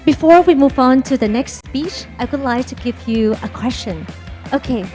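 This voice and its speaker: A woman with a Vietnamese accent and a high, bright voice hosts a conference stage, switching easily between languages. She is upbeat and draws the audience in with questions, and faint music plays underneath. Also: normal speed. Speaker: event MC. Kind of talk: bilingual event hosting. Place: conference hall.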